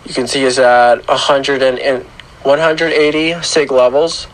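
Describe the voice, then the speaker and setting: A man with a hoarse, grating voice from a sore throat gives casual, unscripted gaming commentary in a halting, matter-of-fact way. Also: mid-range voice, steady tone, low-quality recording. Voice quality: rough, grating. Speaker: gaming channel host. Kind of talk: casual video game account tour commentary.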